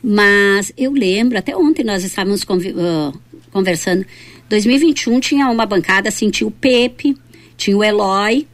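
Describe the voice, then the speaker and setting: A woman's voice: mid-range voice, normal speed. Southern Brazilian woman, reflective chat. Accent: southern Brazilian, Rio Grande do Sul. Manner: reflective, tags sentences with "né?". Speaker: city councillor, guest. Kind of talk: casual reminiscing conversation.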